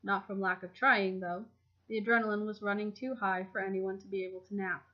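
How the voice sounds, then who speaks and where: A woman reading a fan fiction chapter aloud in a steady, even storytelling manner. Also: mid-range voice, a little fast. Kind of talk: audiobook narration. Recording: dull lo-fi home recording.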